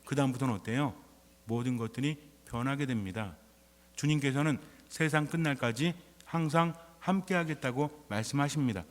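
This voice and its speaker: Priest preaching in a reverberant church. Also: male voice, mid-range voice, moderate pace. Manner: conversational preaching full of rhetorical questions. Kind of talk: sermon.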